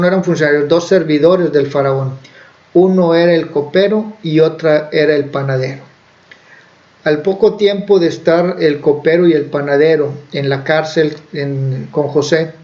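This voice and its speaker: Guy preaching, telling a bible story kinda loose with lots of ums, slightly high voice, muffled lo-fi audio. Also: a little mellow. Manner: conversational, with fillers and self-corrections. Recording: dull lo-fi recording.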